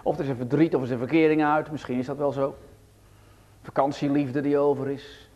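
A man preaching a sermon in a church, swinging between loud appeals and hushed asides. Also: mid-range voice, steady tone, a little fast, dull audio.

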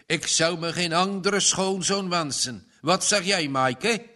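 Jolly old farmer dad, hearty and loud-ish, man voicing him. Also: high-pitched, slow pace, voice pushed up, heavily acted. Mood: pleased. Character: jovial older farmer, fatherly.

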